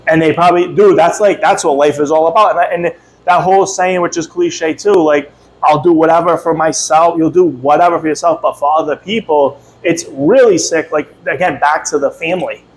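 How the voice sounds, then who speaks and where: A man's voice: a little high, steady tone, fairly quick, slight background noise, rough recording. A young man hosting a casual podcast chat, talking loosely and calling his guest bro and dude. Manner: loose slangy talk, says bro and dude a lot. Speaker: podcast host.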